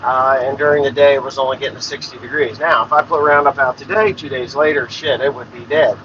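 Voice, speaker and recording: Speaking quickly in a steady, mid-range, fairly bright voice, a forties-aged farmer delivers a rambling, plain-talking monologue for his own show while sitting in a vehicle. He curses freely, and the dull audio carries a little hiss or hum.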